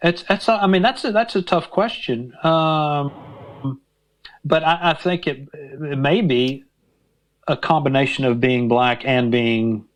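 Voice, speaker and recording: A man's voice: on the high side, measured pace, poor audio. A man from Mississippi, a guest in a conversational interview, who hesitates and restarts often while searching for words.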